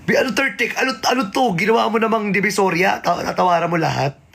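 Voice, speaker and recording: Guy on a live stream, high voice kinda gravelly, slow teasing chatter. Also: fairly bright tone. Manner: playful, teasing, greets and thanks viewers by name. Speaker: livestreamer. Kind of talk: casual live-stream chat.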